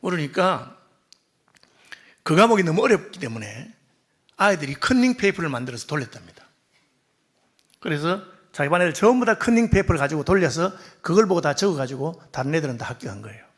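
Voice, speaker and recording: Man preaching, high voice, animated, tells stories with quoted dialogue, soft quiet drops. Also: fairly quick, breathy edge. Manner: storytelling, acting out quoted dialogue. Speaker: pastor. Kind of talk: sermon.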